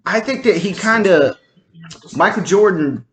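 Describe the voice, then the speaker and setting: A man's voice: high voice, expressive, a little slow, a bit bright. A young man co-hosting a podcast in casual chat, rambling with many fillers and laughing often. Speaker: podcast co-host. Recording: roomy echo.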